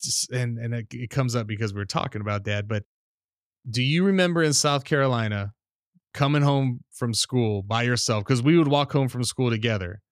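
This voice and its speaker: A man hosting a casual podcast, swapping childhood stories with an animated, storytelling delivery. He slips into the voices of the people in his tale. His voice sits at an everyday middle pitch, and the recording is dry and close, with no room sound. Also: moderate pace, no room sound. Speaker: podcast host.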